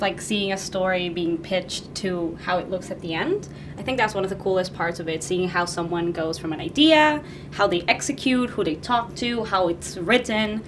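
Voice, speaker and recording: A young woman from Peru, a student editor-in-chief, answering interview questions in a friendly, soft-spoken way with some uhs. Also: fairly low pitch, background noise. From Lima, Peru. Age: young adult.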